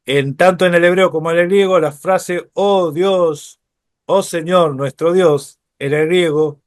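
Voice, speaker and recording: A male Bible teacher lecturing at an unhurried, deliberate pace in a somewhat high voice. He explains patiently, pausing on fillers and checking in with his listeners. The sound is dry and close. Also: no room sound.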